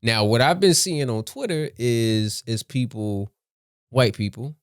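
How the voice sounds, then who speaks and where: A man giving casual opinion commentary in a measured, deliberate way, repeating phrases for emphasis. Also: medium pitch, clean tone, no room sound, clean studio sound. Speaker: commentator reacting to a comedy skit.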